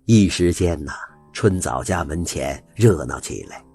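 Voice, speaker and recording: A man telling a folk tale with an animated, expressive delivery. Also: deep voice, a little slow, husky, faint music behind. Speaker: storyteller.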